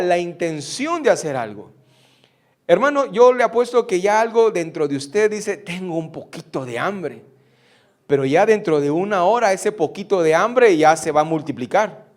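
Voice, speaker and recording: A middle-aged man preaching a sermon, putting rhetorical questions to his congregation. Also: sits high. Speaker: pastor.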